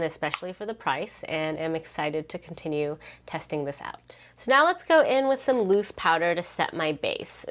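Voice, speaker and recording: A woman giving casual makeup try-on commentary to viewers in a chirpy, upbeat beauty vlogger manner. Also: on the low side.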